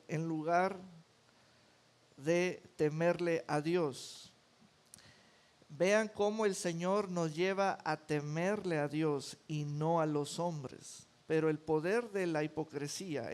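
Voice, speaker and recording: A man with a high voice delivers a sermon at an unhurried, deliberate pace. He preaches emphatically, repeating key words to drive them home. He is a pastor addressing his congregation.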